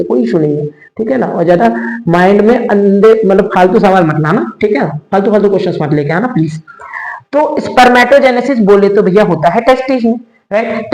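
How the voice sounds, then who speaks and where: A man's voice: sits high, darkish tone, reverberant, rough recording. A young man teaching biology in a chatty, repetitive way, calling his students "beta" and answering his own questions, with terms. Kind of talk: online exam-prep lecture.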